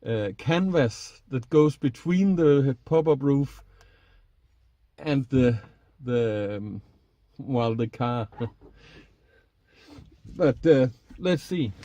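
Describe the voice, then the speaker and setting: A middle-aged man speaks haltingly in a casual demonstration vlog, recorded inside a small minivan camper. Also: medium pitch, animated, mellow, no echo, lo-fi sound. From Denmark. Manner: hesitant, halting delivery while working. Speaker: vlogger. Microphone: camera a short distance away.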